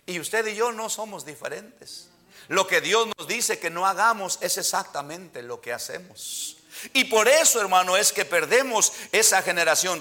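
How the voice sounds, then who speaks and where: Bright-voiced man preaching a sermon. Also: high voice. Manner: emphatic preaching, repeatedly addressing listeners as brother; reads scripture aloud with slow stress. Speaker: pastor. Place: church.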